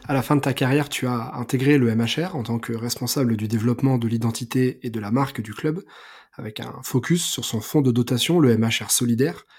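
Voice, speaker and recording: A man hosting a podcast, reading a clear scripted introduction and then putting questions to his guest. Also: mid-range voice, brisk, a little mellow. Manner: clear, read-aloud presenting. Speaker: podcast host.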